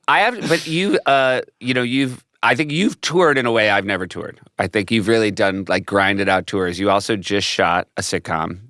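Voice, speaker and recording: A man's voice: fairly low pitch, normal speed, sharp tone, no room sound, clean studio sound. A man hosting a casual, conversational interview in a wry, joking manner. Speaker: interview host.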